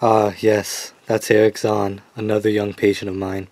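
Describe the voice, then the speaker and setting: A man as Doctor Lovecraft, low, dark-voiced patronizing psychiatrist. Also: completely flat delivery, no room sound, lightly acted. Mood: soothing, measured. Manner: measured, paternal, condescending. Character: male asylum doctor, patronizing, measured, quietly sinister. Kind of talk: radio drama acting.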